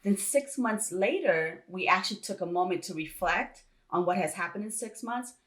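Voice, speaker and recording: A woman's voice: medium pitch, expressive, moderate pace, low-quality recording. A woman talking earnestly and encouragingly in a casual motivational chat, often repeating her points.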